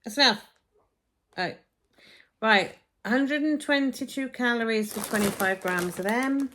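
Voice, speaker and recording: A woman's voice: on the high side, unhurried, a bit bright. A woman chatting to camera in a casual shopping haul vlog, recorded as a phone video while she unpacks her shopping. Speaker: vlogger. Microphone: phone camera, filmed as a phone video.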